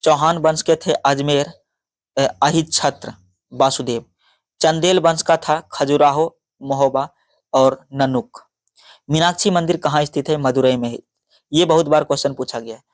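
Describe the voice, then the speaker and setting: Halting Hindi teacher reading exam notes. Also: male voice, fairly high pitch, steady tone, no echo, studio quality. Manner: halting, stumbles over names and restarts, frequent sorry. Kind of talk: exam-prep lecture read from notes.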